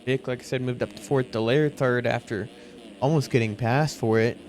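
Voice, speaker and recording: A man's voice: mid-range voice, moderate pace, darkish tone. A man giving live motorsport race commentary in an informal, conversational play-by-play style.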